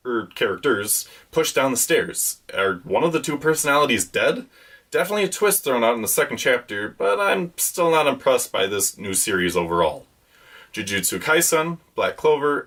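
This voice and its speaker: A man's voice: medium pitch, fairly bright tone. A man hosting a weekly manga review, reading a scripted rundown with enthusiastic fan commentary.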